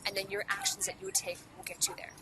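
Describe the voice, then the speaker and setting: With background music and a noisy backdrop, this Cantonese-native woman from Hong Kong delivers a motivational public-speaking video lesson, earnest in tone and full of rhetorical questions for the viewer. Her pitch is medium, barely moves, and she talks quickly.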